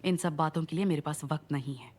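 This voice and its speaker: A stern low-voiced inspector. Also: female voice, fast, darkish tone. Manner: curt, stern, businesslike. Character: stern female anti-doping inspector. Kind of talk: dubbed drama.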